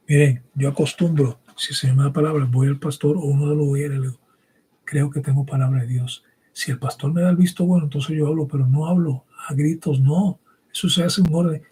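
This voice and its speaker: A bilingual man, raised speaking English and Spanish, preaches an emphatic teaching sermon with scripture reading and keeps checking in with brief rhetorical questions. His voice sits on the high side, dark-toned and husky, and the recording quality is poor.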